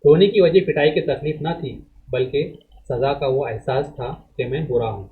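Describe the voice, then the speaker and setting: Man teaching in narrow phone-like audio. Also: medium pitch. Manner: measured, explanatory lecture delivery with restarts. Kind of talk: reading a text aloud and explaining it to students.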